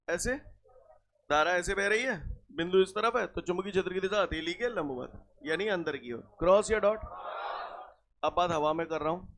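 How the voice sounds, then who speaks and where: High, bright-voiced male physics teacher. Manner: keeps asking students if they follow; explains with everyday examples and repeats key points. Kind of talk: classroom lesson.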